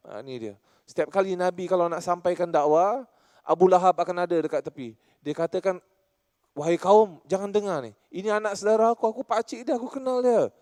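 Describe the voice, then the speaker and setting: A male religious teacher delivers an animated lecture, often calling out to his congregation. His voice sits on the higher side. The sound is dry and close, with little room echo. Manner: animated storytelling, addresses the congregation. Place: mosque.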